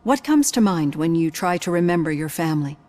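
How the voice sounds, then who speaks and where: A low-pitched female voice delivers scripted game lines as an actress portraying a composed psychologist. Her manner is calm and measured, with a gentle, probing quality.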